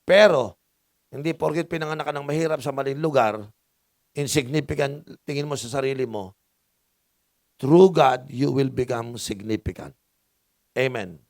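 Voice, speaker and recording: A middle-aged Filipino pastor with a Filipino accent preaches a sermon in a church hall, his mid-range voice creaky and his pace moderate with long pauses. He mixes in English, asks the congregation for answers, and jokes with them. The recording is studio quality with no echo.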